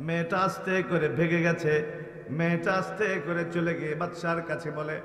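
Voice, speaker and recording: Sing-song preacher in an echoing hall. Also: male voice, a little high, little pitch movement, fairly quick. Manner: melodic chanting of verses, rising to shouts; calls on the audience to answer aloud. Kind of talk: Islamic sermon. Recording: echoey hall, long reverb, PA sound.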